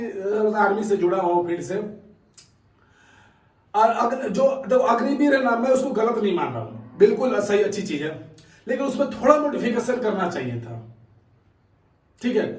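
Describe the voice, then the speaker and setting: A man's voice: high-pitched, big pitch swings, moderate pace, distant mic. A man who runs a fitness academy giving his opinions in casual talk to viewers, emphatic and repetitive, often checking in with a questioning "haan?". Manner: conversational, keeps asking "haan?" to viewers; emphatic, repeats points. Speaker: fitness academy coach and channel host. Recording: roomy echo, voice set back from mic.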